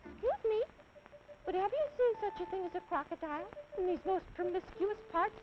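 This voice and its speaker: A woman's voice: expressive, moderate pace. A woman voicing a curious young male elephant calf who talks eagerly and very politely, on a dull lo-fi 1950s TV kinescope recording. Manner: eager, extremely polite, squeaky.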